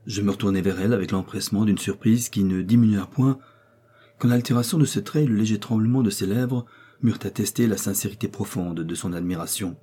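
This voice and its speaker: Male audiobook narrator, dark mellow tone, measured delivery. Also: on the low side, breathy edge. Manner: measured, descriptive storytelling. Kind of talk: scripted narration of a classic novel.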